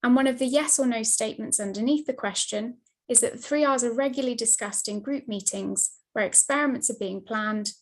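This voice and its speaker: A woman giving a steady, scripted slide presentation over a video call, her mic cutting in and out. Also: fairly high pitch, brisk, hardly any pauses. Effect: video call audio, mic cutting in and out. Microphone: computer mic on a video call.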